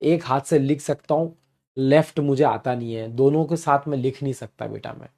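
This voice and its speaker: A man's voice: mid-range voice, steady tone, normal speed, creaky. Male teacher, live online class, repeats himself for emphasis, mid-range voice. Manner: calls students "beta", acts out the parties in loud voices; repeats key phrases to drive points home.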